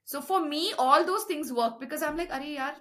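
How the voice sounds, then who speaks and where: An Indian-accented woman in a relaxed film conversation. Her voice sits fairly high and has a very bright, crisp edge. She argues her view emphatically. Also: normal speed. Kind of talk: casual conversational film discussion.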